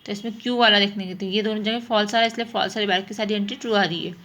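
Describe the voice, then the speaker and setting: Talking very fast in a medium-pitched, fairly bright voice with fairly even intonation, a woman teaches math informally. She explains problems step by step and frequently answers the questions she poses.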